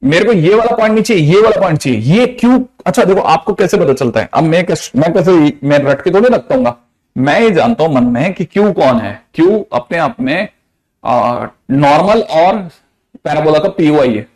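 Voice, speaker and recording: High-voiced playful Hindi math teacher. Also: male voice, expressive, moderate pace, a little mellow. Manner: teasing, repeats prompts, asks students to answer. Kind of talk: lively classroom lecture.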